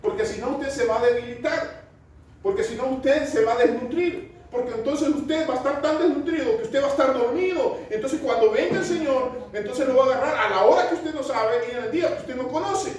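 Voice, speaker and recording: A man's voice: very high-pitched, fairly quick, darkish tone. A man preaching a sermon to his congregation, firing rhetorical questions at them and dropping in joking asides. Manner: asides and chuckles mid-sermon. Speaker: pastor. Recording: very echoey hall, voice from far off, faint noise.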